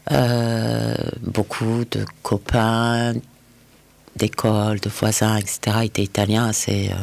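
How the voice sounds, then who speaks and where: A man's voice: fairly low pitch, level tone, takes it slowly, creaky. A man from France, a restaurant chef, answering interview questions in a thoughtful, hesitant way with many fillers.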